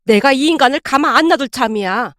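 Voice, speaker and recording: A woman's voice: sits high, lively intonation, a little fast, a bit bright, no echo, clean studio sound. A woman voicing an older mother-in-law who scolds her daughter sharply. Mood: scolding.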